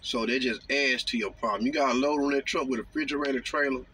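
A man talking casually from his parked truck cab, drawling and mocking with slow, emphatic phrases, recorded on a phone on the dashboard. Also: medium pitch, sharp tone, husky. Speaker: truck driver vlogger. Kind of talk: casual monologue.

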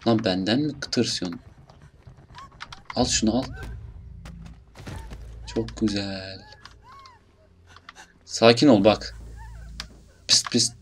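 A young man with a Turkish accent casually commentating his gameplay, muttering, swearing at enemies and bursting out loudly now and then. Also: fairly low pitch, slow, pauses often, slight background noise. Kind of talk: casual let's play commentary.

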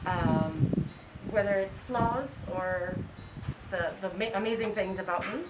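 In a very noisy recording with music running beneath, a woman in her twenties from Kenya, interning as a school counselor, answers interview questions earnestly outdoors on a school campus, with fillers and restarts. Her medium-pitched voice is a little slow and sits far from the mic.

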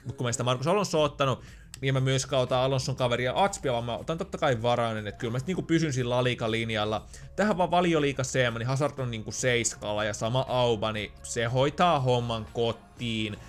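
A man's voice: medium pitch, soft background music. A man giving casual gameplay commentary, thinking aloud with chatty, joking asides. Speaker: gaming YouTuber.

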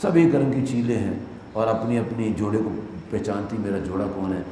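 A Pakistani man delivers a fiery sermon, rising to loud declamations and dropping to low, pressing asides. His voice rings through a large, very echoey mosque hall with a long reverb tail. A faint hiss sits under the recording. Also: normal speed. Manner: impassioned, swings between loud declaiming and low intense asides. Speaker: preacher.

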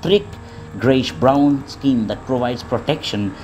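Mellow man narrating a nature documentary. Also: mid-range voice, takes it slowly, slight background noise, low-quality recording. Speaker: wildlife vlog narrator.

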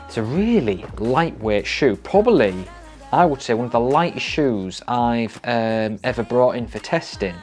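Young British man, medium-pitched, casual reviewer. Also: expressive, a little slow, a little mellow, soft background music. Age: young adult. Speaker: trail running vlogger. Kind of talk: casual gear review to camera. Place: small home office room.

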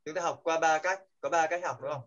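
A man with a Vietnamese accent teaching English pronunciation in a classroom, coaxing the students and modeling words loudly for them to repeat. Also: a little high, steady tone, fast talker, muffled recording.

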